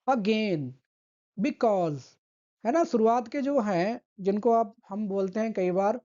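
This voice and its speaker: A woman's voice: fairly high pitch, warm tone, muffled recording. Patient woman teaching a lesson. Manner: patient, repeats key terms and asks the class questions. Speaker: English literature teacher. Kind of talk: exam-prep lecture.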